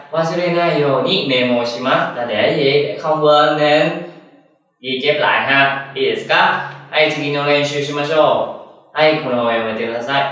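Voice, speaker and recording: Male teacher, mid pitch, asks questions and answers them himself, recorded far off in a very echoey room. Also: fairly bright tone. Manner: slow, drilled repetition of example sentences. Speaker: Japanese teacher. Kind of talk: language lesson.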